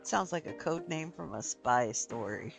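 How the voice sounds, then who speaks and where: A woman's voice: deep voice, lively intonation, unhurried, vocal fry. A woman game streamer chatting casually and sleepily, meandering with lots of ums. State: sleepy, yawning. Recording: game music playing behind.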